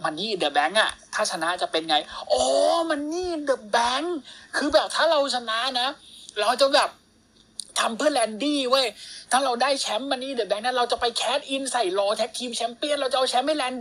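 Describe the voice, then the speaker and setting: A woman's voice: a little high, animated, moderate pace, fairly bright tone. A woman co-hosting a casual wrestling podcast, retelling matches in crude slang and acting out the wrestlers' lines. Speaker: podcast co-host. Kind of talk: casual wrestling recap chat.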